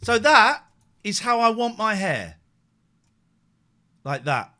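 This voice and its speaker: A man hosting a live late-night streamed radio chat, animated and self-mocking. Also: high voice, takes it slowly. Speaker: host.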